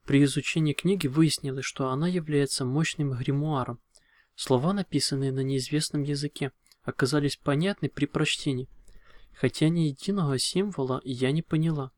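A man's voice: fairly high pitch, normal speed, darkish tone, no room sound, clean studio sound, natural voice. A man reading a formal letter written by a studious female unicorn in an audiobook.

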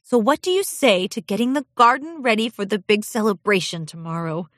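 A woman's voice: mid-range voice, brisk, dry recording, clean studio sound, lightly acted. A woman reading aloud voices a kind pony princess who speaks in a soothing, caring way. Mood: gentle. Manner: warm, soothing, apologetic.

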